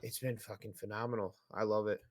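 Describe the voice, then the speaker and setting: A man's voice: on the low side, little pitch movement, fairly quick, a little hiss or hum. A man co-hosting a podcast in casual chat, talking enthusiastically and swearing loosely. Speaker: podcast co-host.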